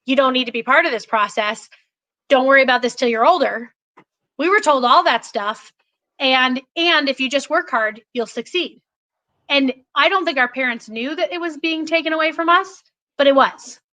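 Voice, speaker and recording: High bright-voiced woman, passionate and emphatic. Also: normal speed, rough recording. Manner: passionate, emphatic, with frequent restarts. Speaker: political candidate. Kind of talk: podcast conversation.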